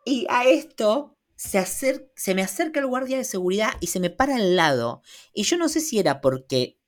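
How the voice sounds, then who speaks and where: A woman with a Rioplatense Spanish accent, co-hosting a podcast and telling a casual anecdote in an animated, self-mocking way, acting out both sides of the dialogue. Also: medium pitch, normal speed. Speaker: podcast co-host.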